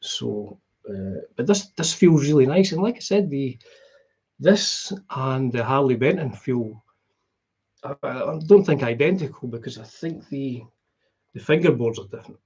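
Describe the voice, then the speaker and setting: A middle-aged man with a broad Scottish accent and a husky voice, chatting casually and in a rambling, conversational way as he hosts a live stream. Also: medium pitch, lively intonation, unhurried, darkish tone, muffled recording. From Scotland. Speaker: guitar vlogger hosting a live stream. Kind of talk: casual chat.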